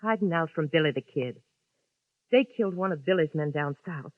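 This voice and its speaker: This actress, low-voiced, animated, and brisk, plays a scared, lonely young woman urgently pleading in a confiding tone. The 1950s radio drama recording is dull and lo-fi, yet dry.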